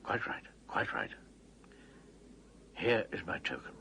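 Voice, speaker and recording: An actor playing a fussy, kindly, secretive talking beaver who repeats himself and gives urgent warnings in a children's fantasy drama. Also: male voice, low voice, sing-song, takes it slowly, creaky, pushed and bright, slight background noise, heavily acted. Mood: earnest. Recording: music behind the voice.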